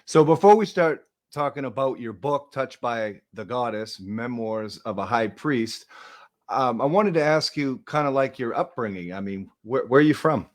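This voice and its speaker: A man's voice: mid-range voice, lively intonation, moderate pace. Man interviewing with short questions. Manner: brief prompts and follow-up questions. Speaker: host. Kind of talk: interview conversation.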